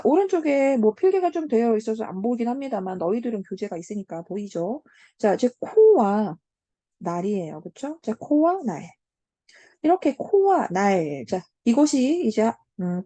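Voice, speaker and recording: A woman teaching grammar in an online lecture to high school students, often asking "right?" and filling pauses with "so" and "um". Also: mellow, no echo. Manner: fills pauses with "자" and "음", asks the class check questions.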